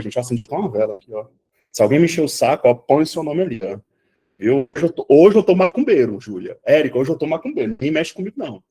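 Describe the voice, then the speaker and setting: A man teaching an online spiritual class from home, swinging from hushed remarks to loud outbursts and swearing freely. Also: mid-range voice, husky.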